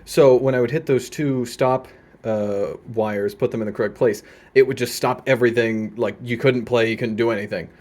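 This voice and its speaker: A man with a medium-pitched, slightly mellow voice speaks at a normal pace and a steady tone. He's a video host demonstrating vintage audio gear in a room at home, keeping the unscripted demo casual, laid-back and playful, with dry humour.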